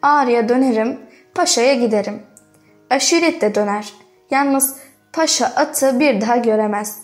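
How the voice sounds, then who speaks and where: A woman's voice: on the high side, normal speed, soft background music, close to an everyday voice. A woman voicing a proud, defiant mountain man who speaks steadily, in a storybook reading. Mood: resolute.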